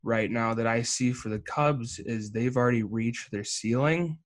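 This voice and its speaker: Animated young man ribbing his co-host. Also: mid-range voice, unhurried. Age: 20s. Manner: teasing and animated, stammers when cutting in. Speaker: podcast co-host. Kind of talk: casual sports podcast banter.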